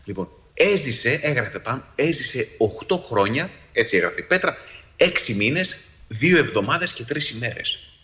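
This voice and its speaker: Bright-voiced man telling a story. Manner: animated storyteller, leaps up in pitch for quoted speech; rambling with many restarts. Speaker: psychologist. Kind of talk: storytelling talk to an audience.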